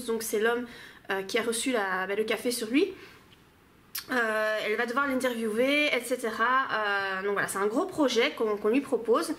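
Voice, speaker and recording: High-voiced woman giving casual critique. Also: fairly bright tone. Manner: hesitant, many fillers. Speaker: book reviewer.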